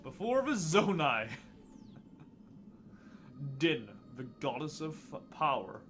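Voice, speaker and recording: A man voicing an ancient, wise male tree spirit, reading game dialogue aloud in slow, archaic, solemn tones. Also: a little high, sing-song, over music.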